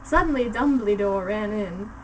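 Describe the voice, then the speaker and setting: A woman's voice: medium pitch, expressive, moderate pace, recorded from a distance, rough recording. A woman giving a hammy, theatrical reading of fan fiction, with mocking asides. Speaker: story reader. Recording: off-mic, faint background noise.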